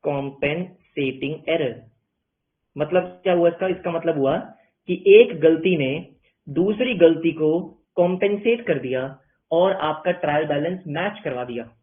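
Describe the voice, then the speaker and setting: A man teaching an accounting class online in a playful way, asking questions and answering them himself in his students' voices. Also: fairly high pitch. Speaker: commerce teacher. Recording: tinny phone-like sound.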